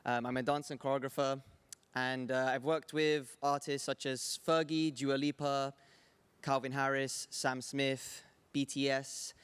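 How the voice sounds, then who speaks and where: A man speaks on a conference panel, modest and a little hesitant, sometimes repeating his words. His voice is smooth and clear at a middle pitch. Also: flat delivery, unhurried, a bit bright. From England. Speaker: dancer and panelist. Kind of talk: casual panel talk.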